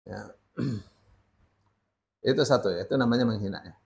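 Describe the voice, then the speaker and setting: A man's voice: fairly low pitch, normal speed, vocal fry, darkish tone. A man teaching a religious lesson in speech, often tagging sentences with "ya" and reading Arabic passages before explaining them. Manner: frequent "ya" tags, reads Arabic text then explains. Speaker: Islamic teacher. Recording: dull lo-fi recording.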